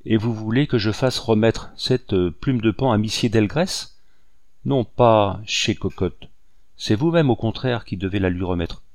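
A man voicing a cunning, scheming older woman who speaks curtly and in a hushed tone, in a dry recording. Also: on the low side, unhurried, no room sound. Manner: curt, sharp, hushed.

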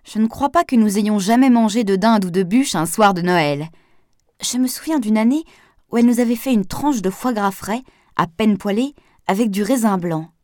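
A woman's voice: medium pitch, normal speed, darkish tone, no echo, studio quality, voice pushed up, natural voice. A woman reading aloud, voicing a younger man who speaks fondly and wistfully of the past. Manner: wistful, fond. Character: Adrien, a nostalgic younger man.

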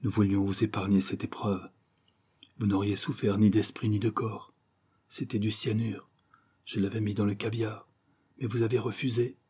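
A grave old professor, dying as he speaks, breaks his words into halting fragments, voiced by a man reading the story aloud. The voice is low, dark and husky. It comes across as a solemn storybook reading. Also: fairly even intonation.

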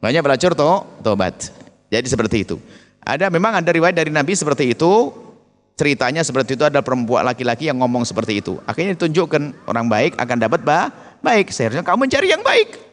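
Animated male preacher in a reverberant hall. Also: fairly high pitch, fast. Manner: lively, acts out quoted speech in raised voice. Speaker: preacher answering questions. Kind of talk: sermon with question and answer.

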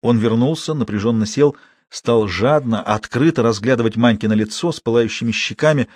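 Male narrator, audiobook reading, measured, husky, dry close sound. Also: medium pitch, darkish tone, no echo. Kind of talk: scripted narration.

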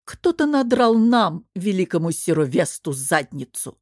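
Storybook figure: a woman playing a composed, mocking older governor, low and dry. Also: normal speed, dry recording, close to an everyday voice. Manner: calm, sarcastic.

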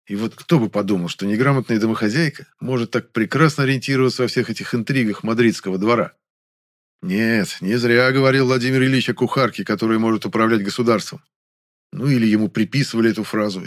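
A man reading first-person narration for an audiobook in an even, measured way. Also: fairly low pitch, dry recording, clean studio sound.

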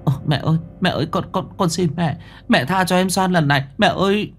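A man voicing a young daughter-in-law who begs in a high, stammering, tearful voice. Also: lively intonation, unhurried, faint music behind. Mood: pleading.

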